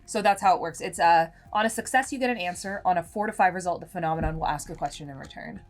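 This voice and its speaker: A woman's voice: fairly low pitch, fast talker. A woman talking casually as a player at a tabletop role-playing game. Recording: music behind the voice. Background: music.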